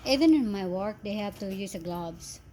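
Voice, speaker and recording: A woman chatting casually in a home kitchen as vlog host, asking many questions in halting English. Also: medium pitch, lively intonation. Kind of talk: casual cooking chat. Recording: noisy kitchen with sizzling.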